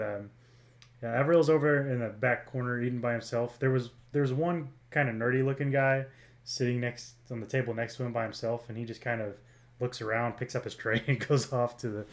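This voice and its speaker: A man narrating a tabletop game as game master, halting with many ums and uhs. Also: mid-range voice, fairly even intonation, gravelly.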